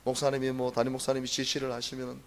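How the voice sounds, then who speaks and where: A middle-aged man preaching at a dawn prayer service, telling his own story in an earnest, animated way with emphatic repeats. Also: mid-range voice, very fast, very noisy. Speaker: pastor. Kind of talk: dawn prayer sermon testimony.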